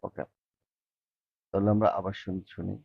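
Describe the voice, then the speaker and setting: A man's voice: sits low, level tone, moderate pace, vocal fry, breathy edge, no room sound, lo-fi sound. A man teaching beginner French, explaining patiently and repeating phrases to check that students follow. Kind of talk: language lesson explaining in Bengali.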